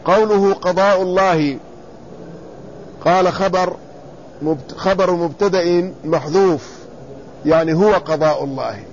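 Man teaching from a classical text. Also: high voice. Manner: reads quoted commentary, then explains it slowly and repeats words to spell out vowels. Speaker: teacher explaining hadith commentary. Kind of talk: classical Arabic lesson reading and explaining a text. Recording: slightly dull lo-fi recording with faint room noise.

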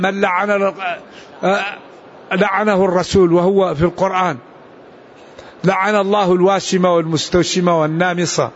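A man teaching a religious lesson in an explanatory, unhurried way, restarting and adding asides. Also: high-pitched, dull audio, slight background noise. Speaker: Islamic scholar.

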